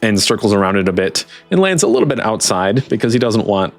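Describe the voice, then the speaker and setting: Low-voiced man narrating a tabletop game. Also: big pitch swings, fast, no room sound, soft background music. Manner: informal, chatty, slangy. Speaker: game master.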